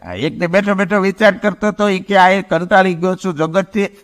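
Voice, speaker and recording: Folksy high-voiced comedian. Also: male voice. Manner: folksy joke-telling, drawn-out punchlines. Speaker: stand-up comedian. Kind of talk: Gujarati folk comedy storytelling. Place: recording studio.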